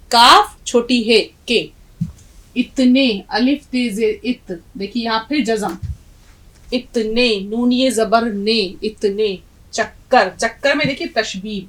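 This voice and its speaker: A middle-aged Indian woman with a fairly high, fairly bright voice teaches an Urdu lesson on a rough recording. In this classroom-style session she spells words letter by letter, slowing on each sound, and gives learners direct instructions.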